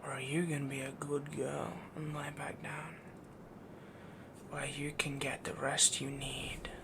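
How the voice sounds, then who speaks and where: Here the man performing the possessive, affectionate young werewolf boyfriend speaks in a fairly high, monotone voice at a measured pace, his soft, breathy half-whisper rambling and dominant as he coos endearments. The feeling is gently commanding, and background noise is present.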